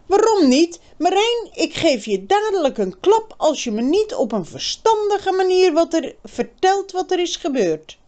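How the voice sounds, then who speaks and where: A woman reading aloud voices a bossy, anxious young girl who talks in a shrill, insistent way. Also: big pitch swings, slow, a little mellow, full character voice. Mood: demanding.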